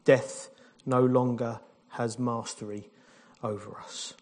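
A man's voice: medium pitch, little pitch movement, slow pace, a little mellow. A man preaching an informal, jokey sermon at a baptism service in church, with fillers and restarts. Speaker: pastor.

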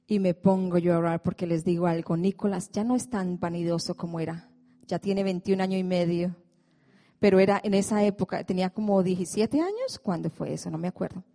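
A woman in her forties, from Colombia, tells a personal faith testimony to a prayer group in a lively storytelling way, acting out her own prayers. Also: lowish voice.

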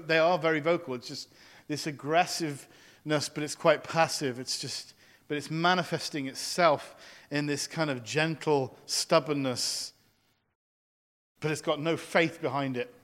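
A man's voice: fairly high pitch, fairly even intonation, unhurried, fairly bright tone, big-room sound. A man, a pastor, giving a teaching sermon and animatedly acting out the voices of the people he quotes.

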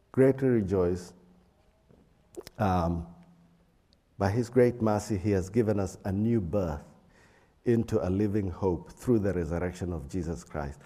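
A man giving a sermon and reading scripture in a slow, measured way with pauses, his voice echoing around a big hall. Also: sits low, mellow, breathy edge. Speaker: preacher.

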